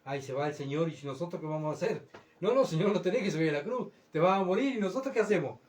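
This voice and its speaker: A man's voice: a little high, lively intonation, quick pace, a little mellow, close to an everyday voice. A man voicing the disciple Peter in a sermon, pleading and repeating himself. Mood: anxious.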